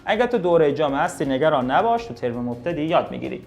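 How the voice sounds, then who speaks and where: A man's voice: on the high side, very animated, creaky, a little mellow, soft background music. A man teaching English vocabulary and grammar, explaining emphatically and talking directly to his students. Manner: drills words, slows down to read sentences.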